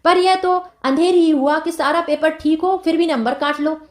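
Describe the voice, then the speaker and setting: Brief: timid apologetic mother, read by a woman teacher, hesitant, high voice, roomy sound. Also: moderate pace, lightly acted. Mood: worried. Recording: roomy echo.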